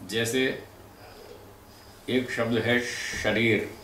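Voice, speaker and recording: A man giving a spoken lecture on speech and pronunciation, explaining in a measured way and demonstrating sounds aloud. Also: on the low side. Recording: echoey room from a distant mic, faint noise.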